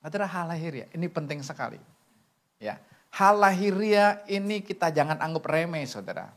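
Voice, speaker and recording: Lively storytelling man preaching. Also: fairly high pitch, moderate pace. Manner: lively storytelling, acts out dialogue. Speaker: pastor. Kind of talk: sermon. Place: church.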